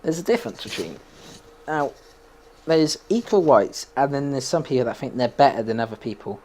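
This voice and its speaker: A man's voice: medium pitch, animated, normal speed, mellow. A young man chatting casually while playing a game, rambling, opinionated and laughing often. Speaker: gaming streamer.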